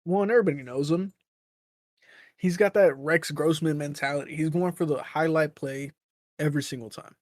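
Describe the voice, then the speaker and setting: A man with a fairly high voice co-hosts a casual sports podcast. He rambles through loose explanations and keeps correcting himself. The sound is close and dry, with no room around it. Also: brisk, no room sound. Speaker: podcast co-host.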